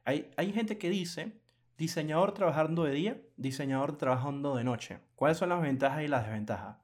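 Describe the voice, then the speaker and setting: A man co-hosting a casual podcast chat, animated and laughing often, acting out quoted clients in lively bursts. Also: a little high, a little fast. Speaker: podcast co-host.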